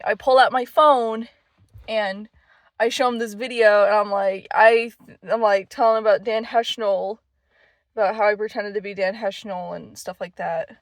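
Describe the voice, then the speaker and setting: A young woman rambles through a story, full of fillers and swearing. Her voice sits fairly high and she takes her time. The sound is dry and close. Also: no echo. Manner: profane, filler-heavy, rambling. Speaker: vlogger. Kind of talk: casual storytelling.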